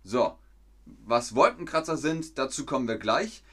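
A man teaching German in a live stream, with a mid-range voice. He keeps turning to the chat, asks his viewers questions and slowly rephrases sentences for learners. Now and then he drops in a playful joke. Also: medium pitch, expressive, slightly rough. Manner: playful, joking asides.

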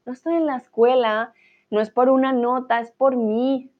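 A woman with a fairly high voice teaches a live online language lesson, encouraging and reassuring her viewers. She laughs often as she answers their comments. The stream audio sounds dull and lo-fi. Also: fairly even intonation, moderate pace.

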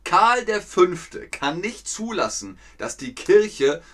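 A male teacher explains history to learners at an unhurried pace. His pitch leaps around expressively, and he acts out scenes with sound effects and repeats key phrases. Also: very animated, fairly bright tone. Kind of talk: slow, playful explanation for learners.

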